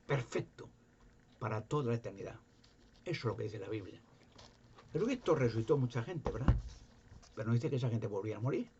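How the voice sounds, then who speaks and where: A man's voice: mid-range voice, a little mellow. A man preaching informally, reading Bible verses aloud and explaining them with emphatic rhetorical questions. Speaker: religious video preacher. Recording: dull lo-fi home recording with faint noise.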